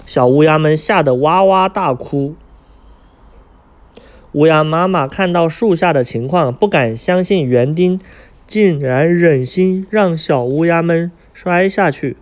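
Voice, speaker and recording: A man reading a children's picture book aloud, pausing to ask his young listeners questions. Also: fairly high pitch. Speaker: storyteller.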